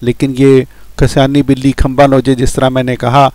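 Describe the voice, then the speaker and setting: A man's voice: medium pitch, little pitch movement, a little mellow, no room sound. A man hosting a commentary video, addressing his viewers directly and mocking his opponent. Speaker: channel host. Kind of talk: commentary on played voice messages.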